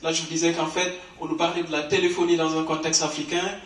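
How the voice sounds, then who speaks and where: A man's voice: on the high side, level tone, fast, fairly bright tone. A man presenting awards at an academic conference, explaining at length with many fillers and restarts. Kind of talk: hesitant spoken announcement. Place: conference hall. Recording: echoey hall from far off.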